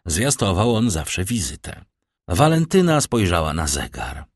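A man narrating an audiobook in an expressive storytelling manner. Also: low voice, unhurried, breathy edge, no echo, clean studio sound.

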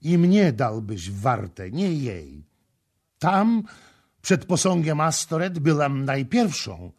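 A man voicing a jealous, proud Phoenician woman who makes shrill, demanding outbursts. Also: lively intonation, measured pace, husky. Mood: resentful. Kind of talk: audiobook character voicing.

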